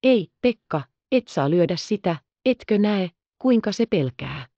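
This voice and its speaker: A woman voicing an excitable, tender-hearted little orphan girl in an audiobook, exclaiming and pleading. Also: lowish voice, dry recording, highs cut off, close to an everyday voice. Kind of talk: audiobook character reading.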